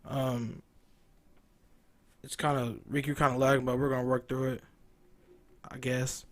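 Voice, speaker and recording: A man's voice: medium pitch, flat delivery, a little slow, dry recording. A man hosting a local sports talk show in a casual, conversational style. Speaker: host of a local high school sports show.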